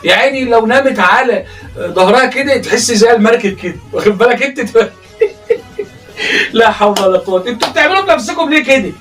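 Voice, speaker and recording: An Egyptian man with a very high voice rattles off teasing comedy commentary, laughing and exclaiming as he goes. He talks quickly, and he sounds a little distant from the microphone. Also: animated, fairly bright tone, soft background music. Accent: Egyptian Arabic. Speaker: comedic reaction host. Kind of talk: mocking reaction commentary on a livestream.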